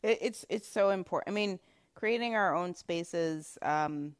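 Woman host, casual interviewer, lower register, loose and talkative. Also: unhurried, clean tone. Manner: chatty, frequent fillers and laughs. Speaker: podcast host. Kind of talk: casual conversation.

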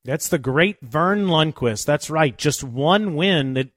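A man's voice: fairly high pitch, expressive, takes it slowly, fairly bright tone, no echo, clean studio sound. A man narrating a golf tournament recap as a show host.

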